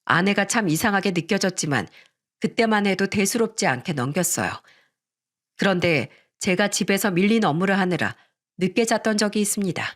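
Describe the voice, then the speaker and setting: Calm woman narrating a radio story. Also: medium pitch, fairly quick. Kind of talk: scripted first-person radio story narration.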